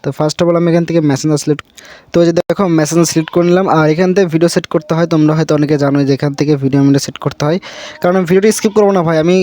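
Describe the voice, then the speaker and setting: Racing along in a slightly high, fairly even, somewhat mellow voice, this Bangladeshi tutorial host walks through an app with no script. The recording has no room sound. He's repetitive, addresses his audience as brother, and constantly checks that they're following.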